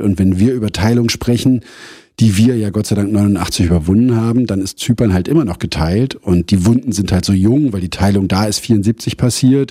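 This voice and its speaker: A man's voice: fairly low pitch, dark tone, husky, dry recording, studio quality. A man who writes crime novels, a guest in a radio interview, talking thoughtfully with hesitations. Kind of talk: interview conversation.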